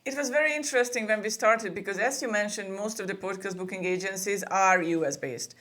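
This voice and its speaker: A woman's voice: mid-range voice, a little fast, a bit bright. A woman from Hungary, chatting as a guest in a remote interview. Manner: chatty, with frequent laughs and restarts. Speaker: podcast booking agency co-owner, guest. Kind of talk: casual interview conversation.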